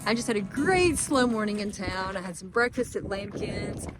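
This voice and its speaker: A woman's voice: medium pitch, moderate pace, music in the background. A young woman hiker talking to her vlog camera outdoors on a trail, earnest and upbeat, giving a pep talk. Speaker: long-distance hiker vlogging her trip. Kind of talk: casual motivational vlog talk.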